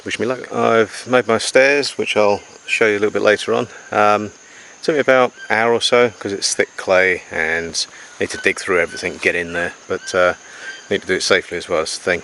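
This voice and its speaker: Male outdoor jungle vlogger, lowish pitch, matter-of-fact and unscripted, talking to camera over faint cricket and insect ambience. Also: fairly even intonation, a little fast, few pauses, sharp tone, slight background noise. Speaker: survival diarist presenting to camera. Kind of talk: outdoor vlog, casual explaining to camera. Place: outdoors in jungle beside a river.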